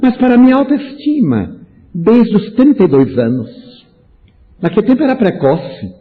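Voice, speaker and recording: Animated older man lecturing, tinny sound. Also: sits high, moderate pace. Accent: Brazilian Portuguese. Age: 70s. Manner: animated, humorous storyteller acting out dialogues. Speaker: spiritist lecturer. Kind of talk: lecture to an audience.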